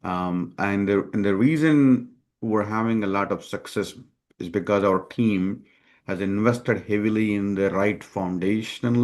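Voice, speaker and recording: A man being interviewed as a company founder, speaking in a measured way with many hesitations. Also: on the low side, darkish tone. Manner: measured, many ums and uhs. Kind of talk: conversational interview.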